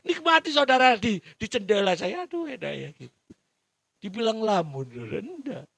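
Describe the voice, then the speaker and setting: A man's voice: sits high, very animated, normal speed, gravelly, a bit bright, no room sound, clean studio sound. A man with an East Javanese accent preaching a sermon in church, telling the story with animation and calling out to the congregation. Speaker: pastor.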